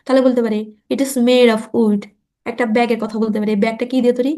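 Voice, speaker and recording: A woman teaching a spoken English lesson, stretching out model sentences slowly and often asking quick check questions. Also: on the high side, steady tone, dark tone. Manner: slow, drawn-out model sentences for repetition; asks rhetorical check questions.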